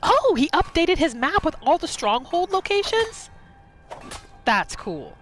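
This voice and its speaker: Faint music plays behind this roleplayer and gaming video creator as she narrates her character's inner thoughts and responds to the game. She speaks unhurriedly in a very high, very animated voice with a fairly bright tone.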